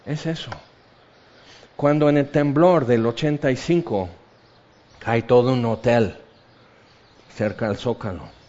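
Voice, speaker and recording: A man with a Mexican accent preaching a sermon, swinging between loud exclamations and hushed asides. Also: mid-range voice, unhurried, pauses often. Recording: dull lo-fi recording.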